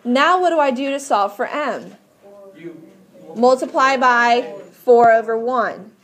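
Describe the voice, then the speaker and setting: A woman's voice: on the high side, takes it slowly, a bit bright. A woman teaching a math class step by step in a patient, instructive way, often asking questions to check understanding. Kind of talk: classroom lesson, explaining step by step.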